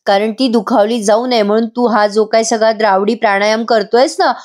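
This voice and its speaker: A woman's voice: fairly high pitch, fairly even intonation, a little fast, darkish tone, lightly acted. A woman reading the lines of a frank male best friend who gives earnest, insistent advice, in her own voice.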